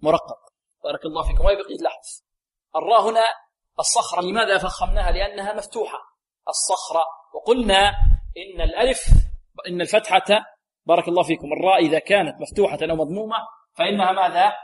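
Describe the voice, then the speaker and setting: High-voiced man teaching Quran recitation. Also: fast talker, breathy edge. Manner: drills sounds aloud, asks the class questions and repeats answers; often repeats a set blessing phrase to the students. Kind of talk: tajweed lesson to students.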